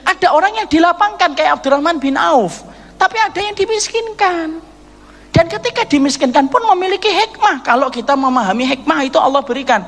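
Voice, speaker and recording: A man's voice: very high-pitched, animated, fairly quick, fairly bright tone, in a large hall. A man preaching a midday radio sermon, telling stories, acting out dialogue and calling his listeners "Pak". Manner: storytelling, addresses listeners as Pak, acts out dialogue. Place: radio studio or mosque hall.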